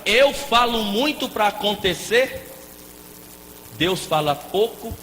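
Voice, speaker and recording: A man preaching a lively sermon as a pastor, playful and joking with the congregation. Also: high voice, slow pace. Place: church hall. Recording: echoey hall with faint noise.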